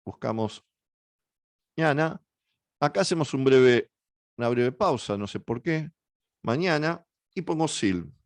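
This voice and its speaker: A man with an Argentine Spanish accent walks a workshop through a program step by step, often pausing and correcting himself. His voice sits at an ordinary middle pitch. The recording is dry and close, with little room sound. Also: no echo. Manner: hesitant, many fillers and self-corrections. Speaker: workshop instructor. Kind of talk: software tutorial walkthrough.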